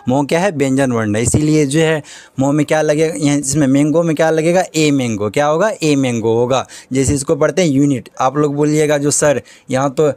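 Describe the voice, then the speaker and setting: A man's voice: on the high side, a little fast, a little mellow, dry recording. Man teaching with question-and-answer repetition. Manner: repeats questions and answers them himself. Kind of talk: classroom grammar lesson.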